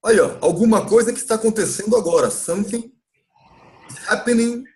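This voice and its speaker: A man with a Brazilian Portuguese accent teaching English in a live class, explaining patiently and repeating words slowly to model pronunciation. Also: high voice, a little mellow. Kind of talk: live online class recap.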